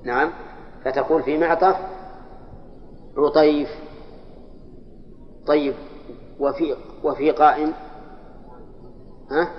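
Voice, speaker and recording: A man's voice: fairly high pitch, steady tone, slow, pauses often. A man teaching a grammar class, explaining step by step and quizzing his students. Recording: echoey hall, dull lo-fi sound, faint hiss.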